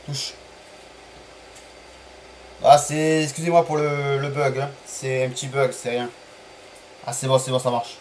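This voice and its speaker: A man streaming a football management game live, chatting to viewers, apologizing for stream bugs and calling plays with bursts of excitement. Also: mid-range voice, measured pace, pauses often, a little hiss or hum, rough recording. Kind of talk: live gameplay commentary.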